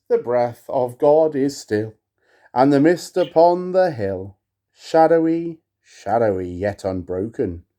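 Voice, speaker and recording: A mellow, mid-range male voice reads poetry theatrically, drawing out the verse slowly and dramatically. As the creator and host of his own video, he chats in a wry, playful, self-mocking way.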